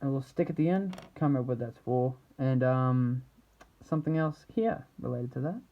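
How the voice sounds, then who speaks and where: A man giving a casual, unscripted product showcase as an action figure reviewer, rambling haltingly and trailing off mid-thought. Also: medium pitch, lively intonation, narrow, tinny audio, slight background noise.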